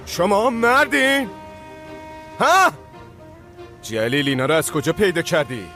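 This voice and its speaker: An actor playing a volatile, hot-tempered gang boss who shouts threats at his men in a TV drama. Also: on the high side, lightly acted. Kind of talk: TV drama dubbed dialogue.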